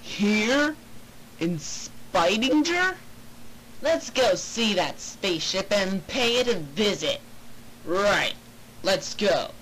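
A woman voicing a brash, flippant young hero in an amateur cartoon, with very slow delivery and a faint hiss behind. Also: mid-range voice, lively intonation, fairly bright tone, low-quality recording. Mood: curious. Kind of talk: amateur animated video voice acting.

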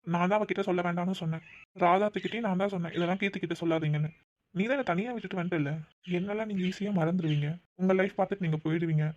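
A man's voice: sits high, rapid-fire, darkish tone, natural voice. A man voicing a defensive, pleading young boyfriend in a cartoon, in a dull, dry, lo-fi recording. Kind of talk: cartoon voice acting.

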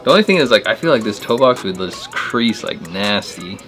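A man's voice: lowish voice, expressive, brisk. A man who runs a sneaker shop, chatting casually to camera in a laid-back way with lots of fillers. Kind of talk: casual vlog talk to camera. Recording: loud music playing behind.

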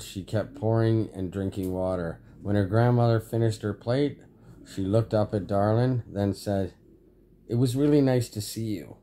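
A man reading a story aloud as narrator, halting and repeating words. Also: fairly low pitch, warm tone, a little hiss or hum. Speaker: amateur story reader.

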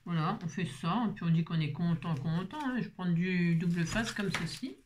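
There is background noise as a woman with a migraine hosts a craft tutorial, her voice on the low side at a moderate pace. She rambles on, chatting to viewers while working and poking fun at herself.

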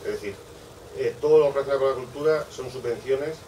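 A man's voice: medium pitch, fast, mellow. A man, a book publisher speaking on a bookshop panel, rambling with many asides and repeated "es decir". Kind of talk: panel discussion. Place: bookshop event space. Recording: distant mic, faint room noise.

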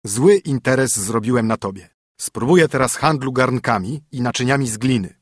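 A stern minstrel husband who is really a king in disguise, as a male narrator puts him on. He orders and scolds in a raised, louder voice with a husky grain. The sound is close and dry. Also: medium pitch, normal speed, no room sound, lightly acted. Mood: scolding. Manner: scolding, commanding.

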